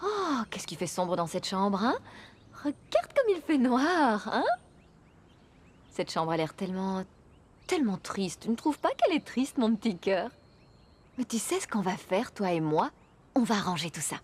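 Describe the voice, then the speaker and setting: A woman's voice: medium pitch, big pitch swings, measured pace, long pauses, breathy edge. An actress in a French telenovela dub playing a young woman who talks tenderly and coaxingly to her baby. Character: young woman, gentle and affectionate. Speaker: young mother caring for a baby.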